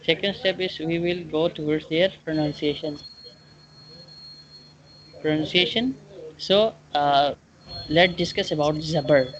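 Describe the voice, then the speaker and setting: A Quran teacher giving a one-on-one online lesson, explaining and drilling pronunciation haltingly, repeating points and often checking understanding. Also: mid-range voice. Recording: dull lo-fi online call, clear background noise.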